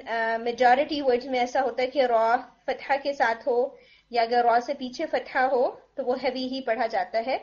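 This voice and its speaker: A woman teaching Quran recitation, patiently explaining how letters are pronounced and demonstrating the sounds slowly, mixing English phrases into her Urdu. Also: sits high, lo-fi sound. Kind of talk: tajweed pronunciation lesson.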